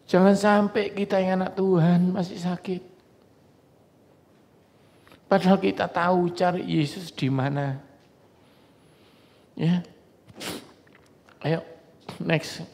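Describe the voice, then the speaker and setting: A man's voice: sits high, fairly even intonation, slow pace, creaky, pauses often, a little mellow. Man, pastor, joking storytelling sermon, long church-hall reverb. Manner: conversational, joking storytelling to a congregation.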